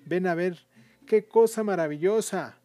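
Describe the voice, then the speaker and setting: A man voicing an excitable, anxious rich man's wife in a read-aloud story, with high, shrill exclamations. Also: fast talker, no room sound, soft background music, close to an everyday voice. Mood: excited.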